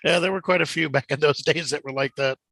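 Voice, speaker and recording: Gravelly man in his late 40s, hesitant and restarting, with a bright edge. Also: a little high, steady tone, quick pace, a little hiss or hum. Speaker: co-host called [name]. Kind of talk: casual chat.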